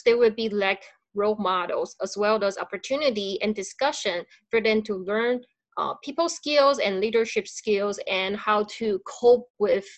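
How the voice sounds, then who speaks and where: A woman school counselor giving an earnest public comment over a video call, with frequent uh fillers and halting phrasing. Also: mid-range voice, dry recording.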